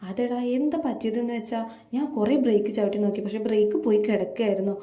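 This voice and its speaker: A woman voicing an injured young man who calmly reassures his family. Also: on the high side, quick pace, echoey room, natural voice. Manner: calm reassuring explanation.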